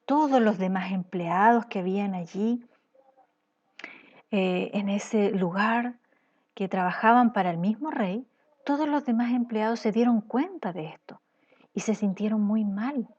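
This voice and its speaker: A woman's voice: medium pitch, measured pace, a little mellow, lo-fi sound. A woman teacher telling a parable to children in a patient, questioning storytelling style.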